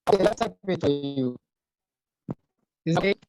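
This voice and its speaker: A man's voice: fairly high pitch, lively intonation, moderate pace, darkish tone. A man joining a webinar by video call, his audio choppy and breaking up as he speaks in short, hesitant replies. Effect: choppy internet call audio breaking up. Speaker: webinar attendee asking a question.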